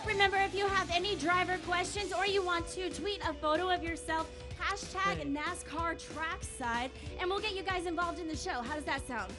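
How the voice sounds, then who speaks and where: Woman, very high voice, upbeat co-host at a racetrack, peppy, addressing a crowd, loud music behind. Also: moderate pace, hardly any pauses. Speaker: co-host of a live fan stage show. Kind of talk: upbeat live event hosting at a racetrack. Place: outdoor stage beside a racetrack.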